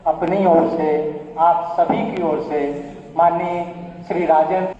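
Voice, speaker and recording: A man's voice: on the high side, level tone, slow, dull audio. A man giving a formal ceremonial speech at a university event, in an oratorical manner. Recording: echoey hall with faint crowd.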